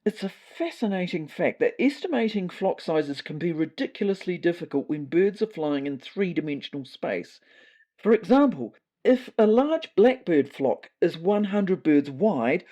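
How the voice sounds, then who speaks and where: Speaking low and somewhat slowly, a woman plays a sincere male cat official in a humorous audio tale. She uses a New Zealand accent, and her mellow, soft-edged tone comes across formal, slightly hesitant, and animated.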